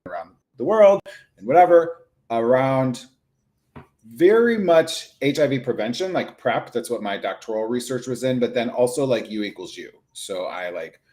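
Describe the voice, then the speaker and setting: A male clinician and advocate in a casual live-stream chat, talking in a lively, rambling way with lots of asides. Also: medium pitch, moderate pace. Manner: chatty, animated, lots of "like" asides.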